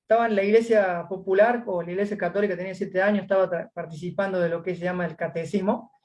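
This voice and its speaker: A man from Córdoba with an Argentine Spanish accent, a guest in a casual interview, tells his story while hesitating and using lots of fillers. His voice sits high with a steady tone and a darkish color, and he talks fast.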